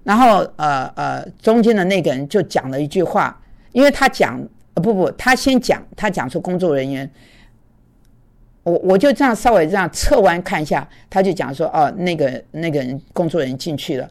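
A woman telling a personal story in a casual devotional talk, animated and chatty, with many fillers. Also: on the low side, normal speed.

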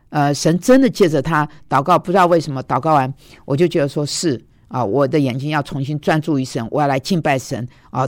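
A seminary teacher in her sixties delivers an earnest, emotional, confessional devotional talk, lowering her voice whenever she quotes others. Her voice sits low and the recording is dry.

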